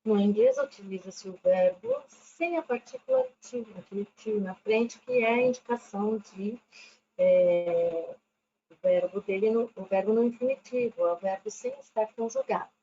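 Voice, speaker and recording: A woman's voice: mid-range voice, lively intonation, normal speed, mellow. A woman, an English teacher giving a recorded lesson. She explains patiently, checks in often with "né?", and reads English examples carefully. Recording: dull lo-fi recording with faint background noise.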